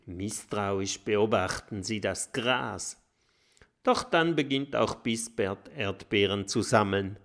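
A man narrating a children's audiobook with expressive storytelling. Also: on the low side, takes it slowly.

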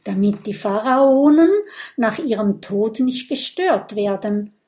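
A woman voicing a clever, helpful little boy dragon in a children's audiobook, explaining calmly. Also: mid-range voice, slow pace. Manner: explaining, calm and resourceful.

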